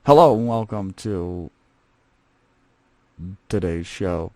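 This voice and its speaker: A deep-voiced man talks slowly but animatedly over loud background music. He hosts a comedy podcast in the character of a male scavenger, chatting in a rambling, casual way with many fillers.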